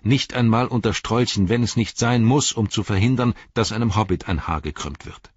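A peace-minded hobbit leader, voiced by a male narrator, earnest and measured. The husky voice sits low with a slight lift. The recording is dry and a little dull. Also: dry recording.

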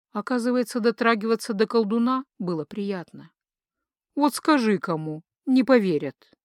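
A woman narrating an audiobook in an expressive storytelling manner on a close studio mic. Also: medium pitch, dry recording. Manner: expressive, lively storytelling intonation. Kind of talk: scripted narration.

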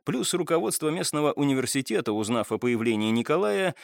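A man's voice: mid-range voice, animated, brisk, creaky, no echo. Man reading an audiobook, dry and close. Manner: dry, wry storytelling with casual asides. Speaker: audiobook narrator. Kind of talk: scripted narration of a historical novel.

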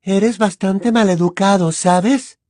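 A woman voicing an odd, dreamy teenage girl witch who speaks with calm detachment. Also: mid-range voice, measured pace, no room sound, voice pushed down, close to an everyday voice. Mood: serene, dreamy.

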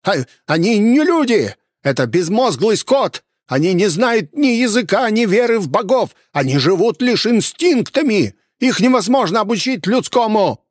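A man voicing a bitter, stubborn innkeeper who shouts in anger and whose voice cracks high. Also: expressive, a little slow, dry recording, clean studio sound. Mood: enraged. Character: furious desperate male innkeeper, bitter and stubborn. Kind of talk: audiobook character voice.

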